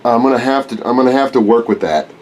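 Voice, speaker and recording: Speaking fast in a mid-range, darkish voice, a stuffy-nosed man in his forties gives a casual, rambling workshop vlog chat, correcting himself as he goes. He's an RC plane hobbyist hosting his own channel, recording in his home workshop with a handheld camera held close.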